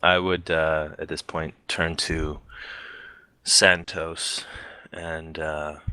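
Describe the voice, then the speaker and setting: A man with a low, bright voice plays a tabletop game, recorded dry and close. He speaks in halting bursts and restarts his words with repeated fillers. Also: no echo. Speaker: player. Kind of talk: casual tabletop play.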